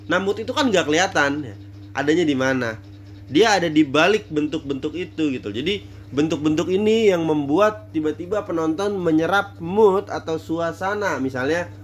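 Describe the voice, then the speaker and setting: A man's voice: a little high, a little hiss or hum. A man giving a casual theater lecture, thinking aloud with many fillers and restarts.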